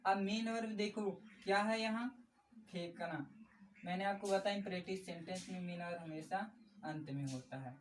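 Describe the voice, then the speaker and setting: A woman's voice: fairly low pitch, normal speed. A woman teaching a grammar lesson, patiently repeating key points and calling her viewers friends. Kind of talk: explanatory classroom lesson. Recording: slightly distant mic with faint background noise.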